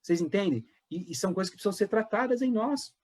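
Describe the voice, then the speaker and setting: A man's voice: high voice, lively intonation, fast talker, a little mellow. A man from Brazil, a pastor teaching an informal church Bible class in a conversational way, repeating words and asking the class questions.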